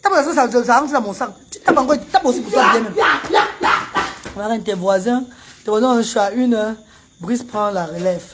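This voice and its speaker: A woman from Cameroon, chatting casually on a live stream and breaking into loud wailing chants. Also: fairly high pitch, moderate pace, heavy background noise. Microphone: phone camera.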